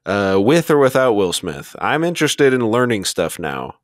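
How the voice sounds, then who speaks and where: Young man, podcast co-host, laid-back rambler, lowish voice, dry sound. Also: sing-song, normal speed, no room sound. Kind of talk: casual chat.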